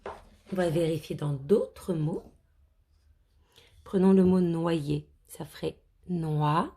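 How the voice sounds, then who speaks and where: A woman teacher takes young children through a reading lesson, sounding out each word slowly. Her voice is low, dark and a little husky, and her delivery is lively and coaxing. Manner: slow, clearly sounded-out words. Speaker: primary school teacher.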